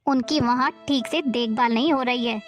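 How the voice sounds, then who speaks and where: A woman's voice: fairly high pitch, moderate pace, soft background music, lightly acted. A woman voicing a caring elder daughter-in-law who lectures firmly. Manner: firm, lecturing.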